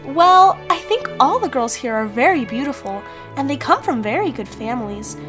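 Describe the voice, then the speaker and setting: A woman's voice: high-pitched, sing-song, normal speed. A woman voicing a sweet, timid young fairy-tale heroine with a melancholy streak. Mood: shy, earnest. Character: sad, sweet, shy young Cinderella. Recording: music behind the voice.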